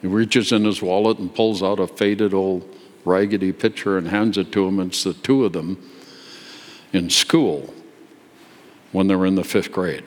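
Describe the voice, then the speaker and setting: An older man with a low voice preaches to a congregation, telling his story in a folksy, confessional way with dry asides. His sinuses sound stuffed up, and the long reverb of a large sanctuary trails after each phrase. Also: steady tone, unhurried. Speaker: guest preacher. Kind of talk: sermon storytelling. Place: church sanctuary.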